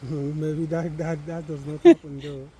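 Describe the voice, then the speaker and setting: Calm, measured man chatting outdoors. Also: fairly high pitch, a little hiss or hum, poor audio. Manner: calm, measured, gently disagreeing. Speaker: father, co-host. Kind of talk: casual family vlog chat. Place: outdoors in the countryside.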